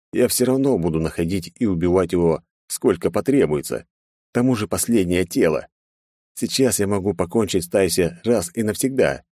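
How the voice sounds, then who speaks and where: A man's voice: sits low, dark tone, dry recording, studio quality. A man narrating a first-person action story with a sardonic, terse inner voice. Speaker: audiobook narrator.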